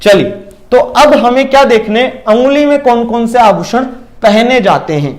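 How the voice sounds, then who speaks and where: A male teacher giving an exam-prep lecture, asking questions and answering them himself, and often checking whether it is clear. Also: very high-pitched, normal speed, a little mellow. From India.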